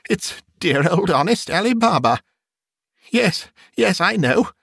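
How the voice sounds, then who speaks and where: A man voicing an old miser softened into childlike, sentimental wonder, with an eager, exclamatory delivery for an audiobook. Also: mid-range voice, unhurried, no echo, clean studio sound. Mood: ecstatic, eager. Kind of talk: audiobook character dialogue.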